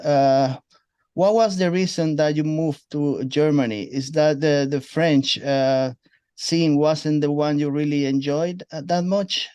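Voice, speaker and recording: A man with a fairly high voice hosts a casual interview. His questions wander and restart, padded with "uh" and "you know". His sound is close and dry, with no room echo. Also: steady tone, unhurried, a little mellow, clear, resonant tone. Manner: rambling, meandering questions with fillers. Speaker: interview host.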